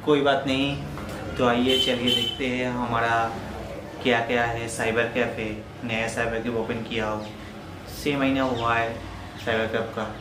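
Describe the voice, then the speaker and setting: A man's voice: mid-range voice, flat delivery, unhurried, noisy background. A young man in his twenties, a shop owner, casually showing viewers around his small cyber cafe and listing its services one by one. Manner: plain, listing items one by one. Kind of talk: casual shop tour vlog. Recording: echoey small room with faint ambience.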